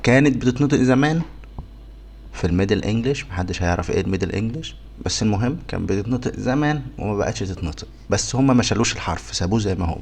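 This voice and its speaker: A young man with a very low, deep voice and an Egyptian Arabic accent leads a beginners' phonics lesson. He breaks words into single sounds and repeats each one slowly and patiently. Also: lively intonation, vocal fry, darkish tone, a little hiss or hum. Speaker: English teacher.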